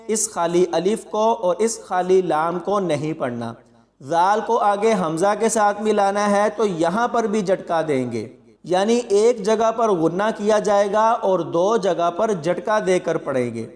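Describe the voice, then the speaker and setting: A man with a fairly high voice teaches Quran pronunciation at an unhurried pace. He explains each difficult word patiently, then sounds out the syllables one by one and chants them slowly. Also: in a large hall. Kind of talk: spoken tajweed lesson with slow spelled-out recitation.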